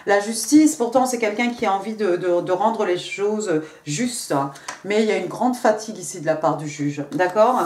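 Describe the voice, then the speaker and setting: A woman giving a casual tarot reading, talking straight to the viewer in a chatty, halting way, repeating herself and filling pauses. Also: medium pitch, a little mellow, a little hiss or hum. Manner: chatty, halting, repeats words, many fillers; speaks directly to the viewer. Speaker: tarot card reader. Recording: echoey room.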